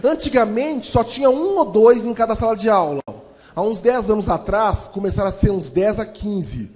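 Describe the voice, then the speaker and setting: A high-pitched man tells funny stories in a reverberant hall, speaking fast and animatedly. He's a motivational storyteller giving a humorous talk.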